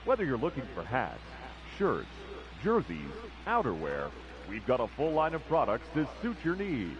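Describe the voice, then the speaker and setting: Brief: stadium announcer over the PA, lively swooping pitch, dull lo-fi sound. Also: male voice, a crowd in the background. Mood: promotional. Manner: drawn-out formal announcer delivery. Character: male ballpark announcer, formal and booming. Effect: over a stadium PA system. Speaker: stadium public address announcer.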